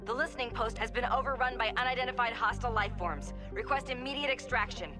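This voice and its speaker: A woman's voice: fairly high pitch, brisk, music in the background. A woman voicing a female army lieutenant sending a mayday over a radio distress call, urgent and clipped. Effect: radio distress call transmission. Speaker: soldier calling for rescue.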